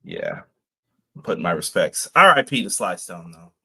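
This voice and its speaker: A man with a deep, creaky, husky voice that is pushed and bright, his pitch swooping wildly at a moderate pace. He co-hosts a live wrestling podcast in a laid-back, casual stream chat, reading viewer comments aloud and laughing often.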